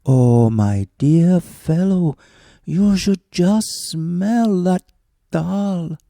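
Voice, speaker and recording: A man's voice: animated, extremely slow, creaky, warm tone, no room sound, clean studio sound, exaggerated voice. A man voicing a crafty, hungry poor woodman, sly and wheedling, in a storybook reading. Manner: sly, wheedling, rising pitch. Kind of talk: storybook read-aloud.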